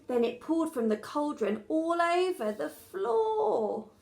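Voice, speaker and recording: A woman teacher reads a rhyming children's story aloud. Her voice is high and she takes her time, in a rhythmic, sing-song delivery. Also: very animated, slow, creaky, darkish tone.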